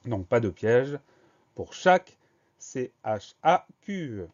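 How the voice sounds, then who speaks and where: A man teaching a dictation lesson, spelling each word slowly and patiently, letter by letter. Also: mid-range voice, very animated, a little mellow, dull audio. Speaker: French teacher.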